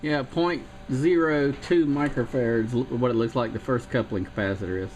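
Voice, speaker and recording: A South Carolina man, a radio hobbyist, talks through circuit details in a thoughtful, meandering technical chat packed with fillers. His medium-pitched voice is steady and moderately paced, and the recording is very noisy.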